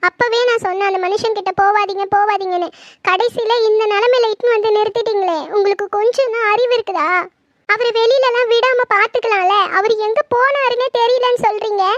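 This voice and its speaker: A woman voicing a shrill grieving cartoon mother. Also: steady tone, fairly quick, dry recording. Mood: bitter, scolding. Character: grieving furious mother, sharp-tongued. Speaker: cartoon voice actor. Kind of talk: Tamil horror cartoon dub. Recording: dull dry lo-fi recording.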